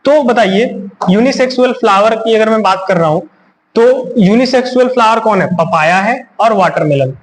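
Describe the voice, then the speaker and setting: A man's voice: sits high, moderate pace, slight background noise, poor audio. A man teaching a biology class, asking questions and answering them himself, repeating key terms and mixing in English words. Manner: mixes in English terms and reads English text aloud. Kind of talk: classroom lecture on a recorded video.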